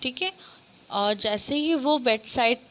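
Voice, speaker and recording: A woman teacher working through an English lesson, reading each line very slowly before explaining it at an easy, chatty pace. Her voice sits a little high and sounds bright, and she keeps checking in with "theek hai" as she goes. A faint hiss runs behind her. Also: animated. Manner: reads English lines very slowly, then explains in casual Hindi; spells words out letter by letter. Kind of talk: slow textbook reading with Hindi explanation.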